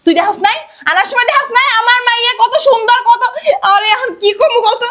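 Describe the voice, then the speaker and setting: Shrill, fast-scolding woman. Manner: loud scolding in rural dialect. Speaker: mother of the bride. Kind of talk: Bangladeshi village drama acting.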